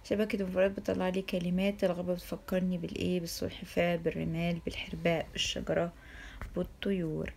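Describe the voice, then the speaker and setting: A woman's voice: lowish voice, level tone, quick pace, creaky, darkish tone, slight background noise. A woman with an Egyptian accent teaching an Arabic lesson to young pupils, asking questions and leaving sentences open for them to finish. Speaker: primary school Arabic teacher. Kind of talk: recorded classroom lesson.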